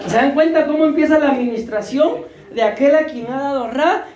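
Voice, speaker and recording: A man's voice: extremely high pitch, brisk, roomy sound, crowd noise. A man preaching a sermon, joking and questioning his congregation, short of breath. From Costa Rica. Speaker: pastor. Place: church hall.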